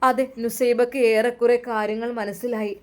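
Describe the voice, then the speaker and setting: A woman's voice: fairly high pitch, level tone, moderate pace, no echo. A woman narrating a family story in an emotional, lingering way.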